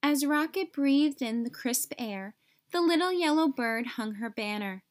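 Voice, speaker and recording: A woman reading a children's story aloud in an expressive, carefully phrased way for young listeners. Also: high voice, a little slow.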